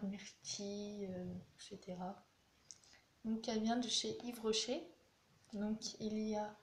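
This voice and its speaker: Chatty young woman, slow and echoey. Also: a little high. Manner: chatty, blunt, animated. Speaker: beauty vlogger. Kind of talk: casual product review. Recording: echoey room with faint noise.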